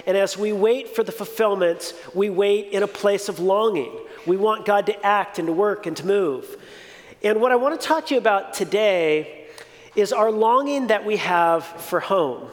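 Pastor, forties, male, conversational reflective sermon delivery, higher voice. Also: normal speed. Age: 40s. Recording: reverberant hall.

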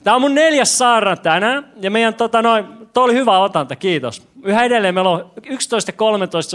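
A man's voice: high-pitched, a bit bright. A young man preaching a sermon to a congregation, joking, asking questions and stumbling over his words. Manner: joking, self-deprecating, stammers and restarts. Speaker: pastor. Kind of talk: lively sermon with audience questions. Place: church hall with congregation.

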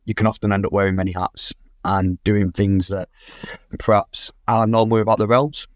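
A man's voice: on the low side, no echo. A man hosting a podcast panel, opening and steering the talk with upbeat, rehearsed phrasing. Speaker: podcast host. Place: podcast room. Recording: slightly muffled podcast recording.

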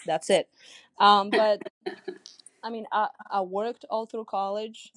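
Appearing as a guest on a podcast, a young Russian-speaking tennis coach considers each question carefully, often stopping to restart or fill pauses. She talks slowly in a mid-range, slightly bright voice with fairly even intonation, and there's no echo.

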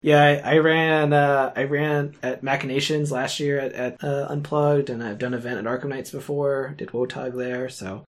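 A man's voice: mid-range voice, fairly even intonation, normal speed, hardly any pauses. Hesitant man chatting on a podcast. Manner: hesitant, many fillers and restarts, chuckling. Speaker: podcast co-host. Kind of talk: casual chat.

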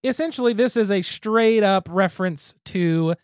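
At normal speed and high in pitch, a man reviews a beer while co-hosting a podcast. His easygoing chat wanders as he thinks aloud and restarts; the studio sound is clean, with no room sound.

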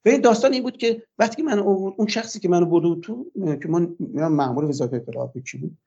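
An older man with a slightly high voice that still sounds dark and mellow. He gives a long personal account for a radio interview, pausing often on "uh" fillers. The sound is dull and lo-fi. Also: vocal fry, slightly rough. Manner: long, hesitant retelling with frequent "uh" fillers. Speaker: interview guest.

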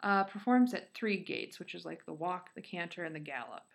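A woman's voice: on the low side, animated, moderate pace, vocal fry. A woman with a Michigan accent co-hosting a podcast, telling a story casually with giggly, informal asides. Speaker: podcast co-host.

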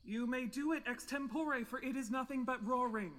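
An actor playing a fussy male carpenter who directs a village play and calls out the cast in a measured way. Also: sits high, a bit bright, big-room sound. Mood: directing. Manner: calls out names in a measured, slow way.

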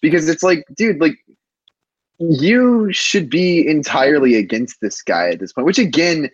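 A man co-hosting a casual movie podcast over a call, rambling, animated and laughing often. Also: fairly high pitch, unhurried, slightly rough, no room sound, dull audio. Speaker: podcast co-host. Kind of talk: casual chat.

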